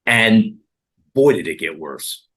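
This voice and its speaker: A man in his 30s who works as a therapist and author talks animatedly in an interview conversation, acting out dialogue from sessions with his clients. His voice is lowish, and he takes it slowly.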